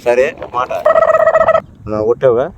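A man's voice: medium pitch, steady tone, moderate pace, heavy background noise. A man pulling a prank, provoking a stranger outdoors by farm fields in a pushy way. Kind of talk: prank confrontation.

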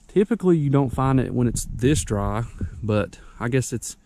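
A man's voice: mid-range voice, animated, moderate pace, dark tone, slight background noise. A young man, out of breath, giving folksy, rambling how-to tips outdoors on a wooded mountainside. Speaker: ginseng hunter vlogger. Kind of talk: casual outdoor how-to vlog.

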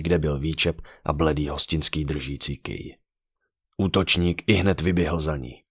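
A man narrating a dark fantasy audiobook with dramatic storytelling. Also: low-pitched, no echo, studio quality.

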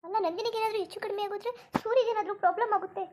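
A woman voicing a fretful, tearful young wife who worries aloud in soft, anxious self-talk for a cartoon. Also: very high-pitched, steady tone, very fast, heavy background noise. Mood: worried. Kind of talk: cartoon voice acting.

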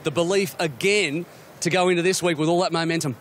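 A male host chats with athletes in a fast, joking, informal manner. His voice sits a little high, and faint outdoor ambience is heard behind him. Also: fairly bright tone, a little hiss or hum. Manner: jokey, quick, informal. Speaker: host and interviewer. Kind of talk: live post-race interview. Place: outdoors at a race venue.

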